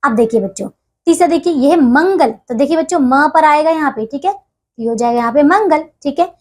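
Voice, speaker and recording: A woman with a high voice leads a lesson for young children. She talks patiently, walks through each exercise step by step and keeps checking that her listeners are following. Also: animated, fairly quick, darkish tone. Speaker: teacher.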